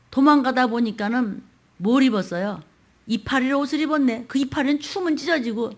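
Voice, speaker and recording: A woman pastor delivers a sermon in a fairly high voice, talking in a plain colloquial way. She acts out the voices she quotes and peppers the sermon with rhetorical questions. Her delivery swings from loud outbursts to hushed whispers.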